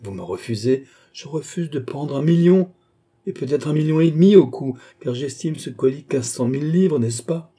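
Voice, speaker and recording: A man voicing a dignified young queen in an audiobook, earnest and firm in his measured reading. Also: fairly high pitch, expressive, dark tone, husky, pitched above the performer's own voice.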